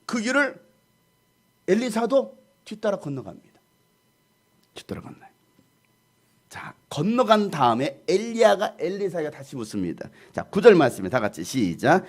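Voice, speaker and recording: A middle-aged male pastor preaching a lively storytelling sermon, acting out scenes with sound effects and quoted voices. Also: high-pitched, normal speed, pauses often.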